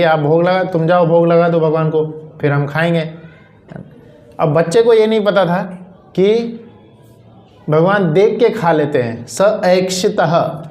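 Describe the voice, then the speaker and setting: Male preacher, storytelling sermon, fairly high voice, echoing room. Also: a little mellow. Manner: narrative, repeats phrases for emphasis. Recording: roomy echo.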